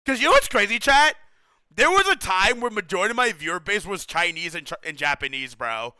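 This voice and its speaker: A young male streamer with a high, very lively voice that jumps all over the place. His tone is bright and sharp, and his speech comes through smooth and clear on a close mic. He chats excitably with viewers in slangy, casual talk. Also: fairly quick, no echo. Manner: excitable, slangy, says bro a lot, laughs often.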